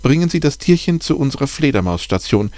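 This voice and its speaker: A man voicing a calm, helpful female bat expert who gives careful instructions in a raised voice, reading a storybook. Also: mid-range voice, fairly quick, no room sound, pitched above the performer's own voice, lightly acted. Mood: instructive.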